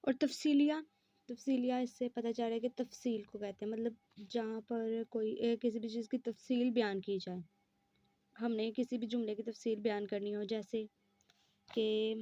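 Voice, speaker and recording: A woman's voice: fairly high pitch, steady tone, normal speed, dark tone, no room sound, lo-fi sound. A woman teaching an exam-prep lesson, explaining step by step and answering her own questions.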